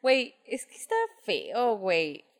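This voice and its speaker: A young woman with a Mexican accent, chatting casually in animated, swear-filled slang. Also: mid-range voice, unhurried. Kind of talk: casual chat.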